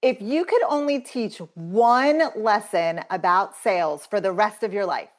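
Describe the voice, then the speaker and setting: A woman's voice: mid-range voice, unhurried. A woman co-hosting a podcast, asking the guest questions and adding short, upbeat affirmations. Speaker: podcast co-host. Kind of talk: casual interview questions.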